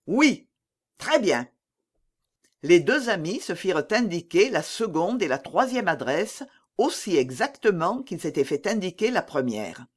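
Measured audiobook reader, lively melody, unhurried delivery. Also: medium pitch. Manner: slow, lively storytelling with voiced dialogue. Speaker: audiobook narrator. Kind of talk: scripted narration of a classic novel.

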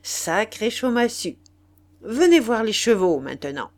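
A woman reading aloud and voicing a boastful, smooth-talking aristocratic marquis with emphatic bluster. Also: high-pitched, sing-song, unhurried, full character voice. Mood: indignant.

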